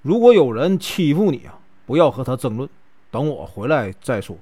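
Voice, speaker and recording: A man's voice: mid-range voice, sing-song, normal speed, dark tone, husky. A man voicing a stern, righteous young fighter who warns and admonishes firmly. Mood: earnest. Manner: firm, admonishing.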